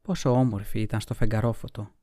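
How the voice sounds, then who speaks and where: A man reading a novel aloud as an audiobook, in measured, even storytelling. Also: fairly low pitch, no room sound. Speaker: audiobook reader. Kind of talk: scripted narration of a novel.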